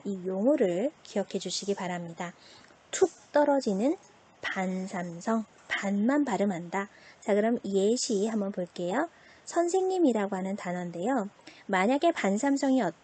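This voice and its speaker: A woman teaching an online Chinese pronunciation lesson, drawing out example words slowly and asking and answering her own questions. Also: mid-range voice, mellow, slightly rough.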